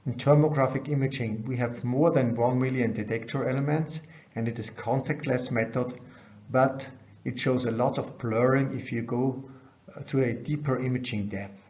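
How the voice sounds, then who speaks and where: This is a conference researcher, a middle-aged man, lecturing on science over slides in a dull manner. His mid-range voice holds a steady tone at a moderate pace and is a little mellow. The webcam recording sounds dull and band-limited.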